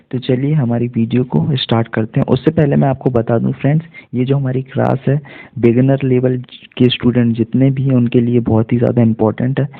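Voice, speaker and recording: A man teaching beginners to read English, spelling each word letter by letter and repeating the pronunciation. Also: medium pitch. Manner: slow, spells words letter by letter and repeats them. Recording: tinny phone-like audio.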